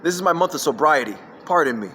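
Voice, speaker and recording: Fast and animated, a male vlogger with a high, pushed and bright voice rambles through a solo rant into his phone. He leaps between topics with emphatic, scattered energy, and faint noise hums in the background.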